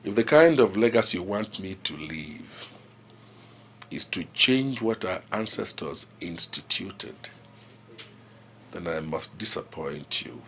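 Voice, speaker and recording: A man's voice: deep voice, lively intonation, a bit bright, slight background noise, full character voice. A stubborn old Nigerian king. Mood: lecturing. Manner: measured, proverb-quoting, authoritative. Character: aging village king, proud, stubborn, lecturing. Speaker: traditional king. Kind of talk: film drama acting.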